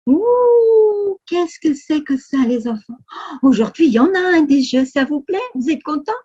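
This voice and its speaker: A woman with a French accent leading a children's Sunday school lesson, speaking slowly with exaggerated, exclamatory storytelling for kids. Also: high voice, animated, warm tone, dull audio. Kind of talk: animated lesson for young children.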